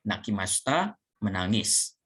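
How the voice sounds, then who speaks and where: A man teaching a recorded language lesson, explaining slowly step by step, reading each phrase and then translating it. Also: lowish voice, very animated, a bit bright, husky.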